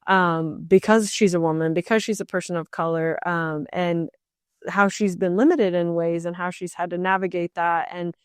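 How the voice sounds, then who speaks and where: A woman's voice: lowish voice, steady tone, normal speed, clean tone, no room sound, studio quality. Chatty woman co-hosting a book podcast. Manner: chatty, rambling with many fillers. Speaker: podcast co-host. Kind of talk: casual book chat.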